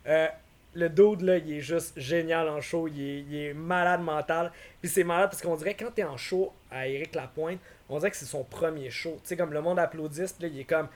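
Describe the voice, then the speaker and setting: Rambling Québécois guy telling stories. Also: fairly high pitch. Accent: Québécois French. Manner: rambling, animated storyteller mixing in English slang. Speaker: podcast guest. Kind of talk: casual podcast chat.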